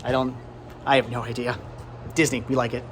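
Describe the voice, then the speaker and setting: Among flea market vendor stands, amid clear background noise from the crowd, a middle-aged American from Pennsylvania hosts his thrifting vlog. His voice is mid-range and brisk with a flat delivery, yet his rambling chat is enthusiastic and nostalgic, full of stammered repeats.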